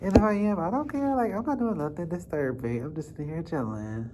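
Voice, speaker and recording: A woman's voice: fairly low pitch, lively intonation, brisk, warm tone. A young woman vlogger chatting informally to her viewers in a small study room, with loose articulation. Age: young adult. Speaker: YouTube vlogger. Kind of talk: casual chat to viewers.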